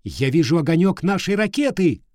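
A man voicing an eager, brave young boy in a read-aloud storybook, exclaiming excitedly. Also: medium pitch, a little slow, dry recording, clean studio sound, pitched above the performer's own voice.

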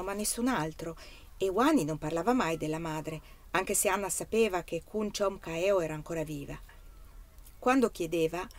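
A woman reading a novel aloud as an audiobook narrator, in a measured, steady literary manner. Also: on the low side. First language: Italian. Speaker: reader.

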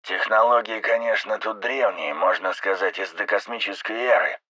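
A cold, clipped spacesuited crewmate, put on by a male audiobook narrator, speaks over a helmet radio. The sound is dull and lo-fi, while the lowish voice keeps a bright, tense edge. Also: moderate pace, no room sound. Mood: terse.

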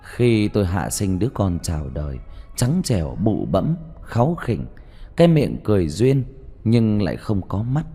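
A man with a low, mellow voice narrates a sad first-person story. His delivery is slow and mournful, and the pitch rises and falls widely. Soft music plays beneath him. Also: big pitch swings, breathy edge. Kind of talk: dramatic audiobook narration. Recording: soft music bed behind.

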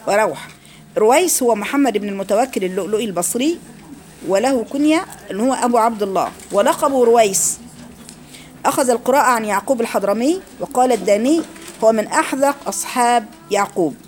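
A woman's voice: a little high, fast talker, a little mellow. A woman with an Egyptian accent teaching Quran recitation rules in a classroom lecture, explaining each rule and quizzing her students with questions.

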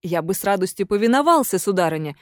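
A woman voicing a calm, mocking young male heir in an audiobook, cool and unhurried. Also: medium pitch, smooth, dry recording, clean studio sound, natural voice. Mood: polite.

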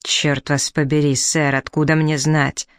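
A man voicing a hot-tempered elderly male professor who shouts and rants in fury, read from a storybook. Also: a little high, flat delivery, measured pace, clear, resonant tone, dry recording, clean studio sound. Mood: exasperated. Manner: shouting, furious, exasperated.

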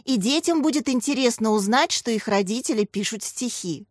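A woman's voice: a little high, animated, moderate pace, no echo, clean studio sound. A woman voicing an eager, heartfelt young female teacher who recites poetry with emotion. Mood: earnest. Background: faint music.

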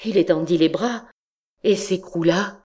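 Woman narrator, audiobook reading, slow, measured, classic tale. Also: fairly low pitch, warm tone. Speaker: audiobook reader. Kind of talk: scripted narration of a classic story.

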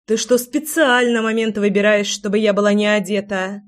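A prickly, wary young woman with short, cutting replies, read by a woman narrator. Her pitch stays in the middle, plain and unforced. She is a storybook heroine still recovering from a wound. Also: fairly even intonation, moderate pace, close to an everyday voice. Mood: guarded.

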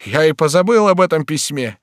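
A man's voice: fairly high pitch, expressive, brisk, dry recording, studio quality, pitched above the performer's own voice, natural voice. A man voicing a grief-stricken older guardian in an audiobook, tearful and distraught.

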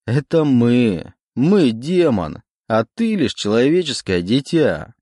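A man's voice: medium pitch, big pitch swings, slow pace, mellow, dry recording, studio quality, voice pushed up. Man putting on a sneering demon's voice. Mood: menacing. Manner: mocking, sneering. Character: mocking demon voice, cruel, giggling.

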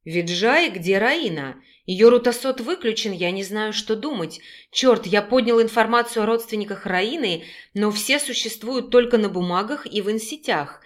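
A woman voicing an anxious, hot-tempered young man who commands loudly, in an audiobook. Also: high voice, lively intonation, normal speed, few pauses. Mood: alarmed. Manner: loud, commanding, hissing.

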